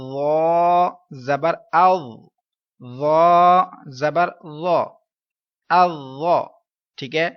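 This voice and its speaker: A man with a Pakistani Urdu accent teaches Quran reading, spelling out letters in slow, drawn-out drills and checking in with "okay?" along the way. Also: on the high side, highs cut off. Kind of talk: step-by-step recitation lesson.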